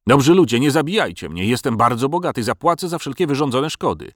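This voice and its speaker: A man's voice: mid-range voice, sing-song, fast, no room sound, studio quality, voice pushed up. A man voicing a cunning, cowardly male dragon who haggles to save his life in a storybook reading. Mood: wheedling. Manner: wheedling, bargaining.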